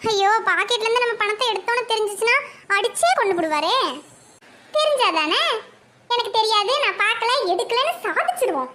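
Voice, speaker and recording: A woman's voice: very high-pitched, expressive, fairly quick, sharp tone, a little hiss or hum, full character voice. A woman voicing a scheming young cartoon housewife with a Kanyakumari Tamil accent, fretting and muttering to herself. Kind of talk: cartoon voice acting.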